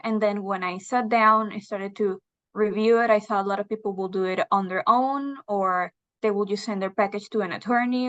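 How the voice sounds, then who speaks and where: A young woman from Venezuela, a guest in a video interview, answering thoughtfully with hesitant filler pauses. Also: medium pitch, fairly bright tone. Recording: slightly dull lo-fi sound.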